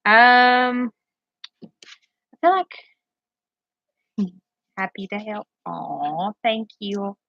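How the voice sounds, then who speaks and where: Chatting with live-stream viewers from her bedroom, pets close by, this tarot reader rambles a bit nervously and keeps losing her thread. She has a fairly high, bright, forceful voice. There's no echo, but the sound is lo-fi.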